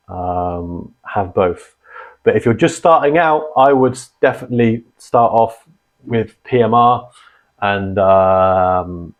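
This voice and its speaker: With narrow, tinny audio, a man with a fairly low voice hosts a radio hobby channel. He explains things to viewers informally and meanderingly, going back over points to stress them.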